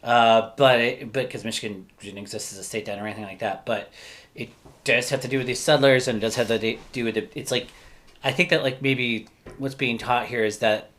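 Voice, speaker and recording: A man's voice: medium pitch, fairly even intonation, moderate pace, fairly bright tone. A man co-hosting a podcast, talking in a rambling, thinking-aloud way and often correcting himself mid-sentence. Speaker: podcast co-host. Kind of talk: casual podcast discussion.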